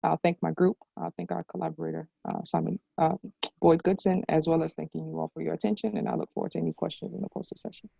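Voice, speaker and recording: A woman's voice: deep voice, steady tone, quick pace, creaky, mellow, slightly rough, dry recording, lo-fi sound. A young woman researcher giving a semi-formal scientific presentation on a video call.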